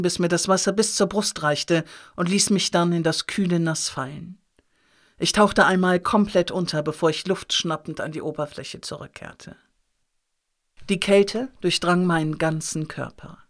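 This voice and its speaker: A man reads a first-person novel aloud with expressive, dramatic delivery. His voice sits slightly above the typical male range. The narration is steady and story-driven. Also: a little high. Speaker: audiobook reader.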